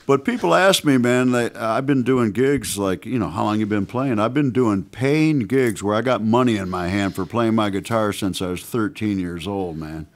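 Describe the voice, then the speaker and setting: He's an American man in his sixties with a fairly low voice, speaking at normal speed and barely pausing. As a guest musician in a small radio studio, he chats easily into a guitar-level stand mic, peppering the casual interview with "man" and "you know."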